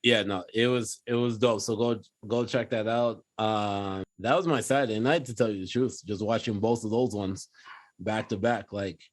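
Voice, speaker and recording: A man's voice: fairly low pitch, normal speed. A man co-hosting a podcast in casual chat, telling stories at an easy pace and sometimes acting out little scenes in put-on voices. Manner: relaxed storytelling, acts out scenes in put-on voices. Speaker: podcast co-host.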